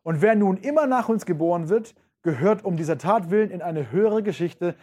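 A man's voice: high voice, expressive, brisk, mellow. A man voicing a frantic male madman who proclaims God's death in impassioned rhetorical questions.

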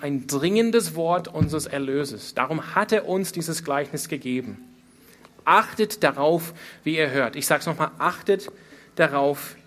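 A man delivers an expository Bible sermon, preaching earnestly with emphatic repetition and rhetorical questions. His voice is fairly high and a bit bright.

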